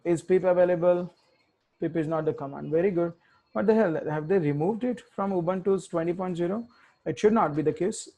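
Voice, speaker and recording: A man's voice: fairly high pitch, mellow. Self-correcting man muttering through a tutorial. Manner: thinks aloud, self-correcting, mutters while typing. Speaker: tech instructor. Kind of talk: live coding tutorial.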